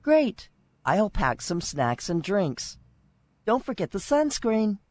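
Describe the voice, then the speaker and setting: A woman voicing Sally, a friendly young woman in a scripted course dialogue, with clear, evenly paced textbook delivery. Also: mid-range voice, big pitch swings, slow, darkish tone, dry recording. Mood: cheerful.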